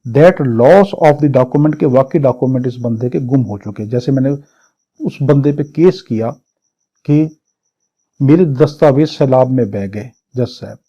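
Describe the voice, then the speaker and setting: A warm, medium-pitched male voice at a measured pace leads a law exam-prep lecture in a Pakistani accent. He reads English statute phrases, then breaks each down point by point, repeating and rephrasing like a teacher. The sound is muffled and lo-fi.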